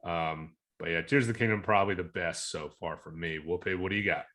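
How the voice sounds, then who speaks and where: Easygoing low-voiced podcast man. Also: brisk, pushed and bright. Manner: easygoing, teasing, steers the topics. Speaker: podcast co-host. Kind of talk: casual gaming chat.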